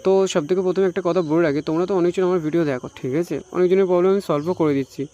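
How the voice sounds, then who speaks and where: In a rapid-fire, high, warm voice with fairly even intonation, an Indian man with a Bengali accent delivers a casual phone tutorial for his tech YouTube channel. He repeats points and often finishes phrases with a checking question. The high frequencies of the recording are cut off.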